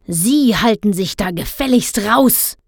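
A woman's voice: medium pitch, lively intonation, unhurried, no echo, studio quality, natural voice. A woman voicing a grumpy, stingy middle-aged father who scolds indignantly. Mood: grumbling.

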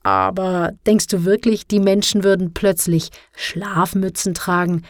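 A woman's voice: medium pitch, animated, a little slow, dry recording, clean studio sound, natural voice. A woman reading aloud, voicing a smug, enthusiastic male teacher in a story. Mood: amused.

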